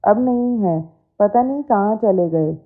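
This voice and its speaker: A woman's voice: mid-range voice, unhurried, phone-quality sound, soft background music. A woman voicing a stern, suspicious middle-aged mother-in-law who scolds her household, in a storybook reading. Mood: scolding.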